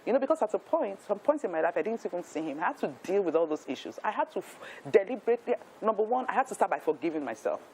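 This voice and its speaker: A woman's voice: mid-range voice, very animated, rapid-fire, hardly any pauses, a little mellow, slight background noise, poor audio. A Nigerian woman in her fifties, a talk show guest telling her life story in an earnest, emphatic way, with frequent restarts. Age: 50s.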